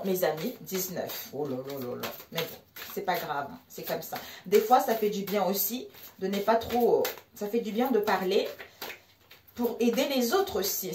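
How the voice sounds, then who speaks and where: Une femme à l'africain francophone qui fait un tirage de tarot en direct, bavarde et animée, s'adressant à ses amis spectateurs. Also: female voice, fairly high pitch, roomy sound, far from the mic, a little hiss or hum. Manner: animated, laughs often, addresses viewers as friends. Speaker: tarot card reader. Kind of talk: live tarot reading chat.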